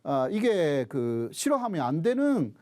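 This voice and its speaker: Guy w a japanese accent teaching history, high voice, kinda mellow, asks questions then answers them. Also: sing-song, a little slow, slight background noise. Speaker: professor giving a lecture. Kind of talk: explanatory history lecture.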